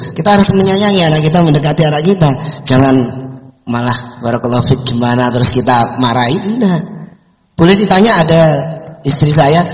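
Middle-aged preacher in an echoey mosque. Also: male voice, on the high side, a bit bright. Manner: conversational and folksy, mixing in anecdotes. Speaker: preacher answering questions. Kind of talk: religious study talk. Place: mosque hall. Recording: echoey mosque hall reverb.

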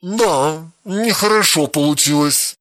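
A woman's voice: sits low, animated, a little slow. A woman voicing an amused, teasing husband who laughs through his words. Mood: calm, puzzled.

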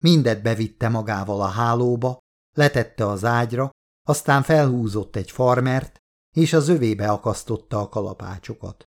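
A man reading a horror novel aloud as an audiobook narrator, steady and measured. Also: medium pitch.

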